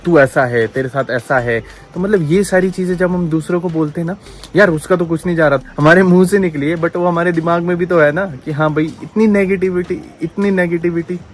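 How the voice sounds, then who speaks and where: An earnest young man with a Pahari-region Hindi accent chats reflectively into his phone outdoors, repeating phrases for emphasis. His voice sits a little high for a man. Soft music plays behind him. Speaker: vlogger. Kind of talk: casual vlog talk with spiritual musing. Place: outdoors at home, yard.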